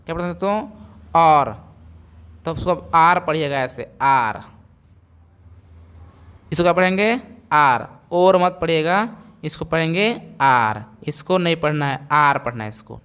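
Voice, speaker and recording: Man, phonics teacher, smooth clear voice, spells and repeats words. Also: fairly high pitch, a bit bright. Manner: slow, repeats each word and quizzes viewers. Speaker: English teacher.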